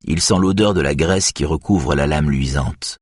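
Deep, husky male narrator for a thriller audiobook, measured and dry. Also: dry recording. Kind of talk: scripted narration.

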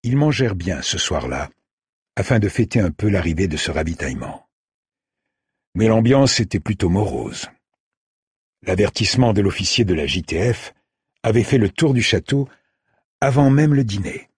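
A man's voice: lowish voice, moderate pace, pauses often, slightly rough, no room sound, clean studio sound. A man narrating a novel, voicing each character in turn. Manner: expressive, acts out each character. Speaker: audiobook narrator. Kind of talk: scripted narration.

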